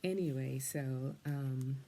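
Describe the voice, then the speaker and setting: An older woman, soft-spoken and meandering, chatting as she colors and often slipping into a half-whisper. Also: rumbling low, takes it slowly. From England, then Canada and the United States. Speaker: storyteller and coloring host. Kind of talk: gentle chatty storytelling while coloring.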